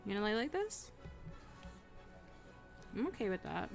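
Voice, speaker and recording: A woman's voice: medium pitch, very animated, normal speed, gravelly. A woman streaming live, chatting casually as she plays, cooing at her pets and swearing freely. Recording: music playing under the voice. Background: background music.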